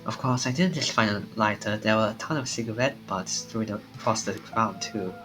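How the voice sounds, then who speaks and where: While streaming a game, a man with a lowish voice and a moderate pace theatrically acts out visual novel dialogue. Video game music plays behind his voice.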